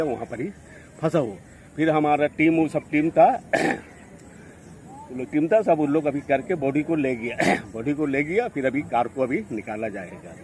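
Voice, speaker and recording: A man, a local eyewitness giving a street interview, rambling and repetitive and clearing his throat often. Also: mid-range voice, a little mellow, a little hiss or hum.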